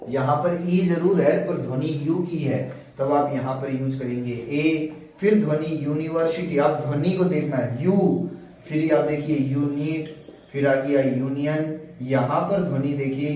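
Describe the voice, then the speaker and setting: A man's voice: medium pitch, dark tone. Distant-sounding man teaching a grammar lesson. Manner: explains step by step, repeating key words. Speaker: English teacher. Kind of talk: classroom-style grammar lesson. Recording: echoey room, distant mic, faint noise.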